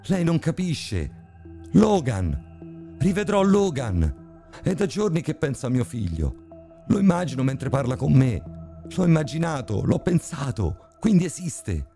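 A man voicing a deranged old woman obsessed with occult magic, talking in a shrill, frantic, cackling way. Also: very animated, unhurried, gravelly, dark tone, faint music behind, heavily acted. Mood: manic.

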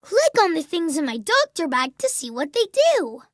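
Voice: very high voice, very animated, no room sound, clean studio sound. A young performer voicing a cheerful, eager boy tiger cub in a children's cartoon game, speaking simply and kindly to small children. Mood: cheerful, friendly. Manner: simple, slow, friendly instruction to young children.

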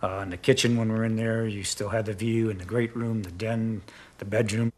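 A male homeowner talking about his house in a relaxed interview. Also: lowish voice, normal speed, a little hiss or hum. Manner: relaxed, listing rooms, voice falling off.

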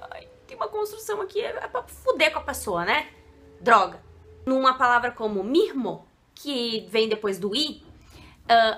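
A woman's voice: fairly high pitch, pushed and bright. A woman from Brazil, teaching in a casual, chatty video lesson full of asides. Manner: chatty and digressive, with frequent asides. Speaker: online Spanish teacher.

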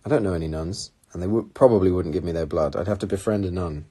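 Young man, deep husky voice, casual chat, phone held at arm's length, small room. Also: fast. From England. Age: young adult. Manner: chatty and animated, reads out viewer comments. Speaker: livestream host answering viewer questions. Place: small room indoors, seated on red sofa.

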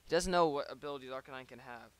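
Rambling man, smooth close-mic voice. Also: medium pitch, quick pace, fairly bright tone, dry recording. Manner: rambling, self-interrupting, joking asides. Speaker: league player. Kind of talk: casual play-by-play of his own online battle. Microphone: close desk microphone.

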